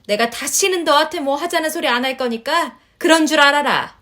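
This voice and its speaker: A woman's voice: high voice, a little fast, bright, forceful tone. A woman playing a huffy older mother-in-law. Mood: indignant. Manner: scolding, sighing, huffy complaints. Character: nagging older Korean mother-in-law, sulky and indignant. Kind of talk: storytelling voice acting.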